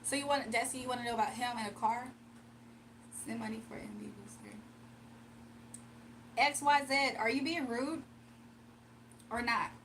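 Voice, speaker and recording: Her voice slightly strained while it recovers from almost giving out, a livestream card reader chats casually, reads viewer comments and laughs frequently. She speaks a little high and fairly bright at a moderate pace, pausing often, on a rough recording with some hiss or hum.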